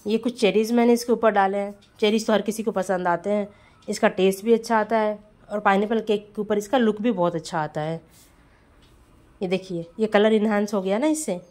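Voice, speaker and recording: A woman's voice: medium pitch, steady tone, fairly quick, darkish tone. A woman home baker giving a casual voice-over tutorial on cake decorating, chatty and friendly, often calling her viewers friends.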